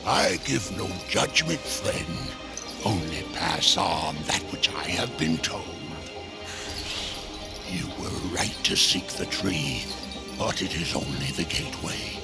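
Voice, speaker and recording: In a heavily acted, sing-song delivery, a low, creaky male voice plays a sly undead merchant who is the last of a burned race. The cutscene performance is knowing and measured, unhurried and theatrical, with sighs and chuckles beneath loud music.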